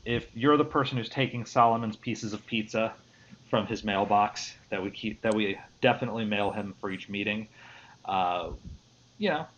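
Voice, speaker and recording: Midwestern man, host of a live panel stream, lowish voice, easygoing and rambling, muffled lo-fi audio. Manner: easygoing, rambling with frequent restarts. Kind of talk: casual livestream panel chat. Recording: lo-fi stream audio with faint hiss.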